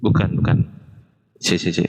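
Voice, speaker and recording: A man's voice: sits low, flat delivery, moderate pace, gravelly, a little mellow, slightly rough, big-room sound, highs cut off. A man hosting a casual debate, explaining Arabic grammar in a self-deprecating way, with lots of fillers. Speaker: Islamic preacher and debate host.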